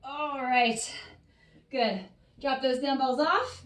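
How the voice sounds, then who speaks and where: A woman's voice: sits high, takes it slowly, fairly bright tone, distant mic, slight background noise. A woman fitness coach guiding a workout, encouraging and cueing each breath and rep, a little out of breath. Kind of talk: workout instruction. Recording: roomy sound, voice off-mic.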